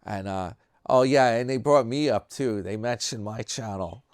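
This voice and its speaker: A man's voice: on the low side, moderate pace, dry recording, studio quality. A man with a New York accent talking in a loose, rambling commentary style, full of fillers and restarts. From New York area. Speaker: commentary vlogger.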